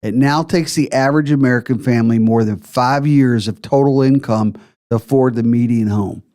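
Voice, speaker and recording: A man's voice: medium pitch, normal speed, dark tone. A man hosting a retirement planning podcast, explaining figures step by step with emphasis.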